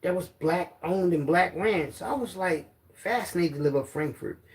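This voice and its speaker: Middle-aged man, Philadelphia accent, gravelly and slightly high, casual rambling storyteller. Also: normal speed. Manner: loose street slang, rambling recollection. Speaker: storyteller guest.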